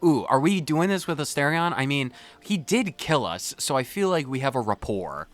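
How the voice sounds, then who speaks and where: Casting: male let's play host, medium pitch, casual and rambling, joking back at game characters. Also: big pitch swings, moderate pace. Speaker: gaming video host.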